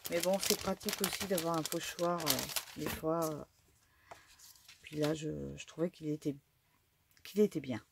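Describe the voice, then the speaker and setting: A woman's voice: sits low, moderate pace, vocal fry, pauses often, noisy background. A middle-aged woman casually talking through an unboxing of craft supplies, hesitant with many fillers and restarts. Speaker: craft vlogger.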